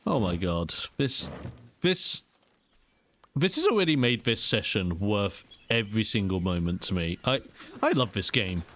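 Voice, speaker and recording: A young man giving casual, chatty and expressive let's play commentary on a video game. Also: fairly low pitch, moderate pace, slight background noise. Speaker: gaming video host.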